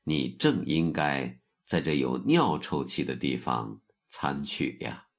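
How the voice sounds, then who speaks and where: A man's voice: extremely low pitch, big pitch swings, slow, full character voice. A man reading a wise old Zen master. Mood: calm. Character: wise older male Zen master, calm.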